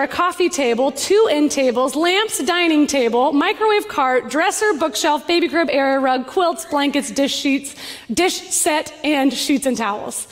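A woman pastor with a high, bright voice tells a story from the pulpit with animated energy. Her voice rings out through a large church hall, and a long reverb trails each phrase. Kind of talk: sermon.

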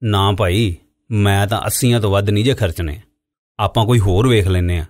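A man's voice: fairly low pitch, normal speed, dry recording, clean studio sound, pitched below the performer's own voice, lightly acted. A man voicing a firm, thrifty buyer. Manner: firm, resolute.

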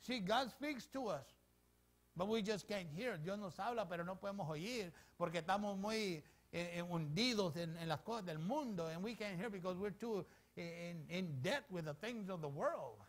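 High-voiced animated bilingual pastor. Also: male voice, unhurried. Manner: animated, repeats each point in both languages, calls the congregation "hermano". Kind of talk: bilingual sermon, switching between English and Spanish. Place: church.

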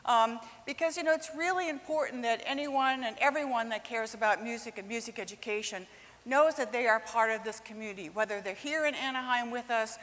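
Speaking into a handheld mic, this sixty-something woman hosts a live stage event with a cheerful, talkative manner. Her pitch is fairly high and her delivery brisk and somewhat bright. The sound comes from a stage mic in a big hall, on a large indoor stage.

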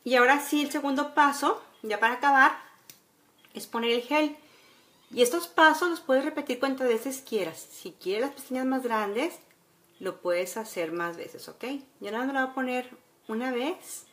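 Indoors by a window at home, a woman in her forties with a Mexican accent walks viewers through a relaxed makeup routine. She speaks at a normal speed in a high, fairly bright voice, keeping it chatty and instructional with lots of little check-ins.

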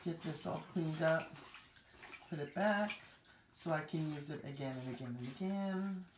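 A middle-aged woman with a low-sitting voice speaks at normal speed while hosting a live craft demo. At the table in her craft room, she chats in an upbeat way as she works, and the echoey space carries clear background noise.

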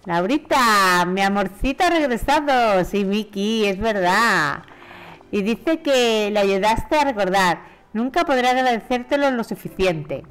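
A woman with a Spain Spanish accent reading aloud the lines of a cheerful, kind male cartoon mouse from a video game in a soft, reassuring way. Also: mid-range voice, animated, measured pace, clean tone, rough recording. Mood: grateful.

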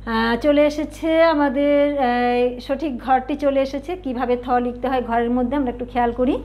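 A woman teaching young children to write and say letters, coaxing them with questions and slow drawn-out fillers, with a Bangladeshi Bengali accent. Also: high voice, steady tone, a little mellow. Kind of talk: children's alphabet lesson.

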